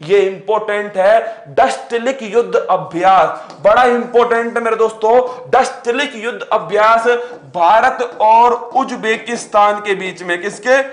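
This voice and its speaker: A man's voice: sits high, unhurried. A man teaching an exam-prep lecture with energy, firing rhetorical questions and calling his students playful pet names. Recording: echoey room.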